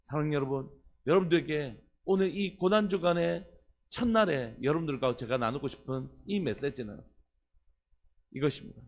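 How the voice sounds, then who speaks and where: A pastor preaching an earnest early-morning sermon, putting questions to the congregation. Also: male voice, on the high side, expressive, moderate pace.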